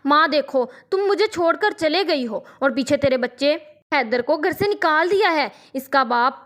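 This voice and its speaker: A woman's voice: high voice, lively intonation, a bit bright. A woman reading a storybook as a mistreated young boy who pleads tearfully with his mother. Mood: pleading.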